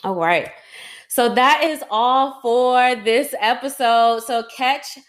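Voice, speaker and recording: A woman podcast host and Reiki teacher, guiding listeners through slow breathing and then giving an encouraging talk. She often ends her sentences with "right?" and gets more emphatic as she encourages. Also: on the high side. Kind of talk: guided breathing exercise and motivational talk.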